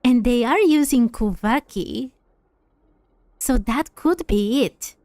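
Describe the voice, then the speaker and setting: A woman's voice: a little high, lively intonation, takes it slowly, darkish tone, no room sound. A woman gaming host giving casual commentary as she plays through a game.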